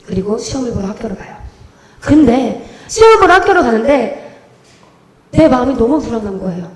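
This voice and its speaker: A young woman gives her testimony at a church service, talking quickly and acting out her own prayers and conversations as she goes. Her voice sits high and bright. The sound rings around a reverberant church hall. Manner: animated storytelling, acts out her own prayers and dialogue. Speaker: evangelist giving testimony. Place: church sanctuary.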